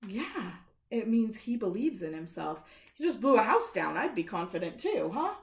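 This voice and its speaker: Animated woman reading storytime aloud. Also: medium pitch, normal speed. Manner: animated, asks children questions. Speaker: storytime reader. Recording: echoey room.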